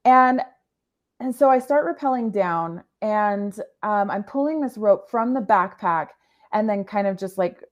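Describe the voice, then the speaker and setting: Animated and medium-pitched, a podcast guest earnestly recounts something personal, often stopping mid-thought to search for words and say it another way. The sound is lo-fi.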